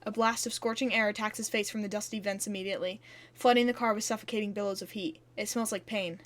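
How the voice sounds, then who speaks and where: A woman's voice: medium pitch, fairly even intonation, fast. A woman co-hosting a podcast, reading fan fiction aloud in a casual way, breaking in with asides. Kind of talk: casual read-aloud narration.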